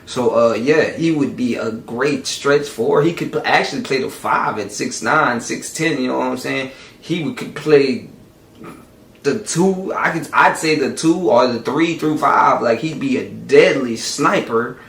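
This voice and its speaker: A man's voice: mid-range voice, unhurried, gravelly, fairly bright tone. Rambling man in an echoey room. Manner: rambling, repeats "you know what I'm saying". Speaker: reaction channel host. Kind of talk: casual commentary on a clip. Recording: echoey room, far from mic.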